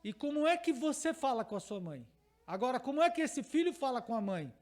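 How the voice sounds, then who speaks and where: A man's voice: extremely high pitch, big pitch swings, a little fast, darkish tone. A male pastor with a Brazilian Portuguese accent, giving a teaching sermon to a congregation, emphatic and repeating key phrases while asking the listeners questions.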